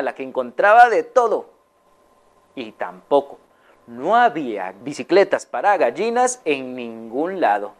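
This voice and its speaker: A woman telling a children's story, animated and often asking her young listeners questions. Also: low-pitched.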